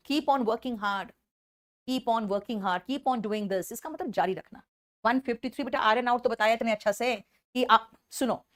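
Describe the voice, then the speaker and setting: A woman teaching English phrasal verbs to a class in Hindi, reading the example sentences slowly in Indian English and scolding and teasing her students. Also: a little high. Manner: scolding, teasing students, calls them beta. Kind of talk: online class lecture.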